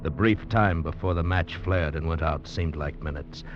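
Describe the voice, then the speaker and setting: Over music on a muffled old radio broadcast, a man with a rumbling low voice portrays a convict, grave and steady, narrating and acting out an adventure. It's 1940s-50s radio drama: deliberate, measured and tense, with a suspenseful, grave feel.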